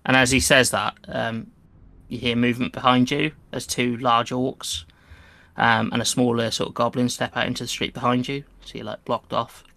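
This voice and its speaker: A man's voice: medium pitch, level tone, normal speed, gravelly, pushed and bright, no room sound. A man acting as game master, casually narrating a tabletop game.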